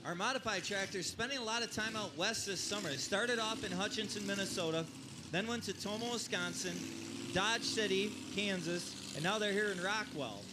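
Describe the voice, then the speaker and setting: A man's voice: high voice, normal speed. A man working as a tractor pull announcer, giving live commentary with driver background and stats. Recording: clear engine and vehicle noise behind. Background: vehicle noise at a tractor pull.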